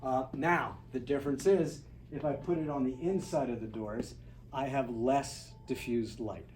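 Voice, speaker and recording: A man's voice: mid-range voice, fairly even intonation, unhurried, a little mellow. A man teaching film lighting in a hands-on workshop, talking in a loose, chatty way with asides and restarts. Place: studio classroom with a group. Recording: echoey room, distant, noisy ambience.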